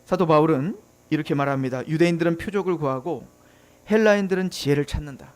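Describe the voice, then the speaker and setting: A man's voice: fairly high pitch, fast. A man preaching a sermon as pastor, earnest, who acts out scoffing unbelievers in a casual voice. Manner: earnest, preaching with rising and falling intensity.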